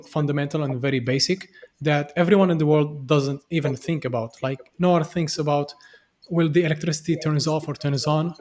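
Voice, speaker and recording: A man's voice: a little high, a little mellow. Earnest young man from Syria. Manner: earnest and reflective, many restarts and fillers. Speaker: podcast guest, software developer. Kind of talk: conversational interview.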